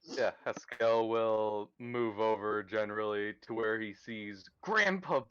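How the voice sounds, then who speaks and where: A man playing a tabletop role-playing game, casually and jokily describing his character's actions in halting phrases. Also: lowish voice, a bit bright, clear, resonant tone, dry recording, muffled recording. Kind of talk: casual role-play chat.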